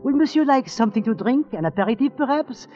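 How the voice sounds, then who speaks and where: Fussy french waiter on an old radio show, high and bouncy, all bowing and scraping. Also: male voice, expressive, fast, mellow. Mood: obsequious. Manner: obsequious, drops French phrases. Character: fussy male French hotel waiter, polite. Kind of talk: 1940s radio acting. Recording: dull old radio broadcast with music.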